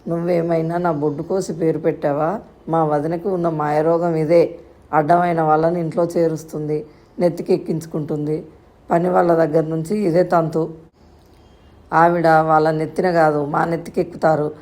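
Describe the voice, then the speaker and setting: A woman's voice: deep voice, flat delivery, moderate pace, a little mellow, natural voice. A woman reading the part of a harsh, mocking young sister-in-law in a storybook tale. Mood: scornful. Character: sharp-tongued spiteful young sister-in-law.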